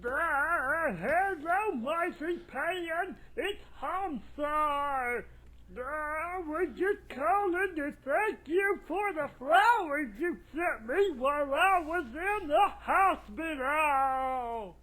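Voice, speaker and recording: A man voicing an odd male cartoon creature who leaves a rambling, nonsensical answering machine message in a high warbling voice. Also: animated, takes it slowly, pushed and bright, heavily acted. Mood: loopy.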